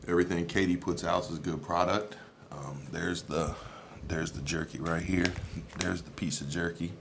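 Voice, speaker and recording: Very low-voiced man reviewing hot jerky. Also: steady tone, normal speed, gravelly, fairly bright tone, a little hiss or hum. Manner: laid-back, rambling, lots of ums. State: mouth full, chewing, hiccups. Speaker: food reviewer vlogger. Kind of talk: casual hot food tasting review. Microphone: phone camera.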